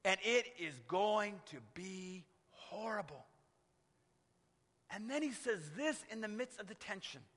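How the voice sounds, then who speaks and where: A man's voice: sits high, animated, a little slow, a bit bright. A man preaching a sermon in an earnest manner, often asking the listeners rhetorical tag questions. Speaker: pastor. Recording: long hall reverb.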